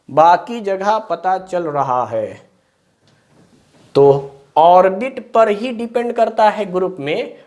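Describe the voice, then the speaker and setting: High-voiced man teaching chemistry. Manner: explains patiently, repeats points, calls students beta. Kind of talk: classroom lecture.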